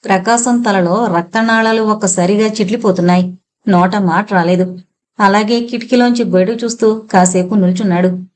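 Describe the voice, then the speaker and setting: A woman narrating a full-length novel as an audiobook, with steady storytelling. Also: mid-range voice, moderate pace.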